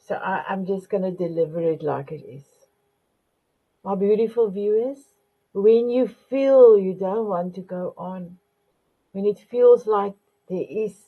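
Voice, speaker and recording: Slow-talking woman. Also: medium pitch, husky. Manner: warm, repetitive terms of endearment, searching for English words. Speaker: talk show host. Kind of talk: motivational talk to viewers. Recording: phone-line quality audio.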